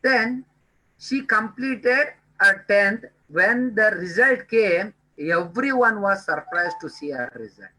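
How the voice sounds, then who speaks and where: A man's voice: sits high, lively intonation, slow, bright, forceful tone, rough recording. A man giving a time management webinar lecture, earnestly repeating key points and addressing listeners as dear friends.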